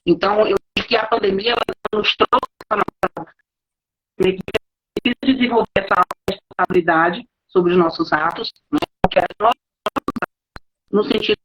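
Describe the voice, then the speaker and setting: A woman's voice: medium pitch, fairly even intonation, moderate pace, pauses often, slightly rough, muffled recording. A woman speaking reflectively over a video call whose audio stutters and cuts out, often ending phrases with tag questions. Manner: reflective, repeats words, frequent tag questions. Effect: call dropping out, speech stuttering and cutting. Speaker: mental health professional at a care center. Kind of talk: live video call interview.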